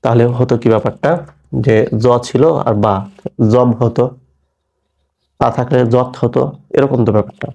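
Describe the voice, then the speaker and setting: A man's voice: medium pitch, steady tone, moderate pace, long pauses, dark tone, highs cut off. Patient man drilling letter sounds. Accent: Bangladeshi Bengali. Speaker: Quran reading teacher. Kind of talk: recorded reading lesson.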